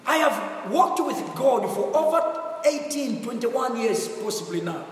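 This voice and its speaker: Very high-voiced animated male preacher, echoing hall. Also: a little slow. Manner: animated, repetitive, rhetorical questions. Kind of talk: fervent sermon with personal testimony. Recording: roomy echoing hall, distant mic, faint noise.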